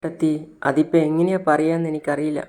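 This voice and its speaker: A hesitant young student, as a narrator puts her on, speaking a touch higher and louder than the narration. She pleads and holds back her words at the same time. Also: little pitch movement, fast talker, lightly acted. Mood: anxious. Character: anxious young woman student.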